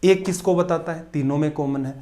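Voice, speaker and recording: A man's voice: a little high, fairly quick, dark tone. A man teaching a competitive-exam math lesson, asking questions and answering them himself, with emphatic repetition.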